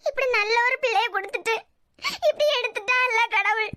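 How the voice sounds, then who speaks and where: A woman's voice: extremely high pitch, fairly even intonation, fast talker, a little hiss or hum. A woman with a Kanyakumari Tamil accent voicing a grieving, anxious middle-aged mother in a cartoon web series, lamenting tearfully.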